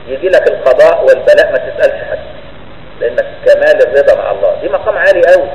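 A man with a fairly high pitch and an Egyptian Arabic accent gives an informal religious lesson, conversationally asking again and again whether his listeners got it. The poor recording sounds echoey and big-roomed, with a little hiss or hum.

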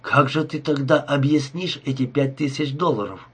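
Nervous club owner, flustered, husky, man reading in an audiobook. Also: mid-range voice, normal speed, a bit bright. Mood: uneasy. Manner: anxious, flustered. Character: nervous, greedy male nightclub owner.

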